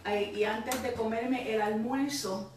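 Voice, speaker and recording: A woman's voice: on the high side, fairly even intonation, slow. A woman giving a spoken religious testimony, fervently breaking into praise and often adding "right?". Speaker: church member giving testimony. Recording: very echoey, distant mic, faint noise.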